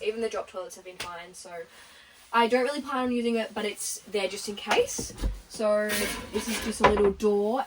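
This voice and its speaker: A young woman, chatting casually as she gives a tour of her converted bus and laughs often. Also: medium pitch. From Australia. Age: early 20s. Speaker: vlogger giving a bus tour. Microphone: camera held by her sister. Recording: camera at a distance with background noise.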